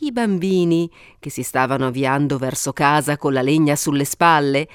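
A woman narrating a fairy tale in an expressive, dramatic way, lingering on moments of suspense. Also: sits low, normal speed, smooth, no echo, clean studio sound. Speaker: storyteller.

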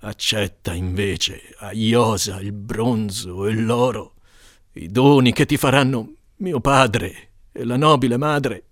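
A noble, doomed warrior prince speaks in a grave and solemn voice with a bright, tense edge, as a man acts him out. The sound is close and dry, like an epic audiobook reading. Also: medium pitch, a little slow, dry recording. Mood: pleading.

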